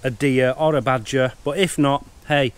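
A middle-aged man narrating a wildlife camera vlog outdoors in a wood, in a chatty, easily excited way. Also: medium pitch, moderate pace, smooth. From United Kingdom. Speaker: wildlife vlogger. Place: woodland outdoors.

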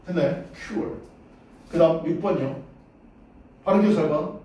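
A man's voice: fairly high pitch, a little fast, warm tone, slight background noise. A man teaching English pronunciation in a classroom lesson. He casually drills words aloud and keeps checking that his students follow. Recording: roomy echo, voice far from the mic.

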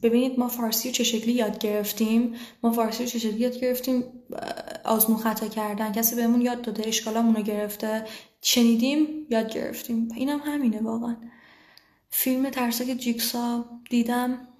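A woman with a Persian accent teaches English in a live online class, reading viewers' questions and answering them in a casual, chatty way. Her voice sits a little high with little rise and fall. The room around her is echoey. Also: level tone, a little mellow. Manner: chatty, switches to slow careful English words.

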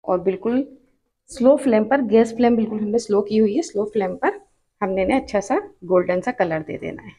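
A woman with a Pakistani Urdu accent hosting a cooking channel, calmly explaining each step of a recipe and repeating her tips. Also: medium pitch, brisk. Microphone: off-camera voice over hands-only cooking shots.

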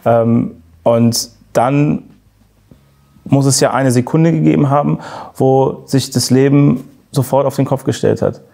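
A young man hosts an interview and asks his questions in an earnest, searching way. His voice sits in a middle pitch, and he often pauses with fillers while he works out his words. He speaks indoors in a youth centre lounge. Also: fairly even intonation, creaky, dark tone. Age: young adult. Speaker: YouTube interviewer. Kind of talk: hosting an interview.

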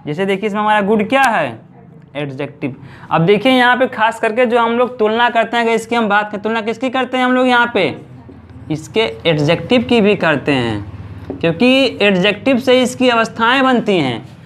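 A man teaching English grammar, asking questions and answering them himself, stretching out example words slowly. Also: high voice, expressive, a bit bright, slight background noise. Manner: repeats points slowly, drawing out example words. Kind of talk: classroom-style grammar lesson.

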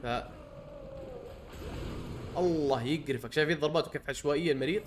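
A young man giving let's play commentary, pleading, cursing and reacting loudly to the game. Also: a little high, quick pace, background noise. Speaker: gamer.

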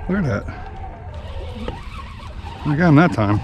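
On an open boat at sea, a fishing guide who hosts his own channel gives excited, casual play-by-play for his vlog as fish bite and he reels them in. His voice is fairly high and a little slow, and the action camera's audio sounds dull, with boat engine and water noise behind him.

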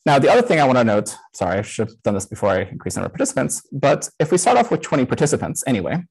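A man's voice: mid-range voice, big pitch swings, very fast, a little mellow, husky, rough recording. A man in his thirties giving a casual conference talk over a video call while live coding, talking through a headset with frequent "um" fillers. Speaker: conference speaker.

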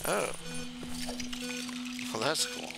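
A young man giving casual let's-play commentary in an offhand, wry way. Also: drawn-out words. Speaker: gamer. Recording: voice mixed with loud game audio. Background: loud game music and sound effects.

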